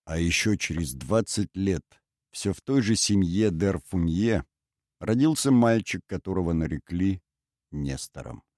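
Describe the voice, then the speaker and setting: A man narrating an audiobook in a measured, dramatic reading style. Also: sits low, expressive, a little mellow, no room sound, studio quality. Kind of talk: scripted narration.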